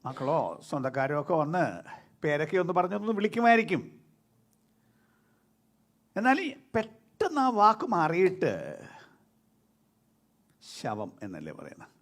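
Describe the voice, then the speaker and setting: A middle-aged man, a pastor with a Malayali accent, preaching a sermon that swings between loud and soft and drops in English words. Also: high-pitched, normal speed, long pauses. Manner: lively preaching, rising and dropping sharply between loud and soft; mixes English words into his speech.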